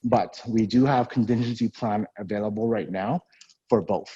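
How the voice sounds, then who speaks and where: A man's voice: on the low side, steady tone, normal speed, dark tone, breathy edge, no room sound, lo-fi sound. A man from the university staff guiding a live virtual campus tour and answering questions, explanatory and a little out of breath from walking. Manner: explanatory, frequent "um" and "so".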